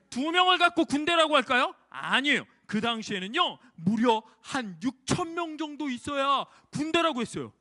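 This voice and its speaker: High, animated children's pastor man. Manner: animated, asks children questions. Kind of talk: children's sermon storytelling. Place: church.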